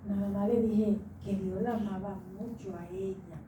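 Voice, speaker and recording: A woman's voice: medium pitch, fairly even intonation, moderate pace, echoey room, recorded from a distance, background noise. A woman from the Dominican Republic with a Dominican accent, giving an emotional church testimony and often breaking into laughter and tears. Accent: Dominican Spanish.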